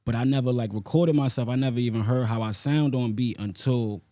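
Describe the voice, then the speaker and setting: Fairly quick and warm, with medium pitch and no room sound, this New York-accented rapper from the South Bronx chats casually in an interview. He uses street slang and keeps checking in with "you know what I'm saying."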